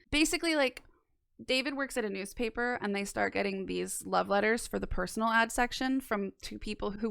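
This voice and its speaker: Speaking close to a boom-mounted mic in a small indoor space, a young woman gives a semi-scripted review with offhand asides, sounding like a dry-witted video essayist. Her medium-pitched voice has vocal fry and a smooth, fairly bright tone, with no room sound audible.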